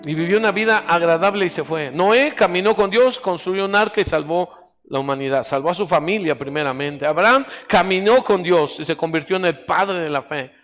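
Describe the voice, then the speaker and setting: A man's voice: sits high, a little fast, fairly bright tone. A male pastor preaching a sermon, calling on the congregation to repeat phrases after him. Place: church hall. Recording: church hall reverb with faint music.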